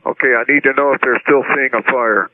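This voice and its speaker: A man's voice: medium pitch, fairly even intonation, moderate pace, no room sound. A man, an airline pilot, making clipped, urgent radio calls to the tower through a cockpit headset radio. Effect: pilot talking over a cockpit headset radio. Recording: narrow, dry air-band radio recording.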